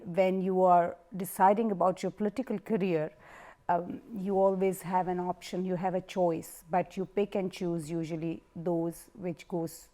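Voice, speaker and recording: A woman's voice: mid-range voice, a little mellow. A woman hosting a TV talk show, introducing her guest effusively and asking long, formal questions. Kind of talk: hosting an interview.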